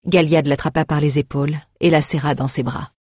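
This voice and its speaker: Husky low-voiced lady reading a fantasy book, steady pace. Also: no room sound, clean studio sound. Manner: steady, measured storytelling. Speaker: audiobook reader. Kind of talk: scripted fantasy narration.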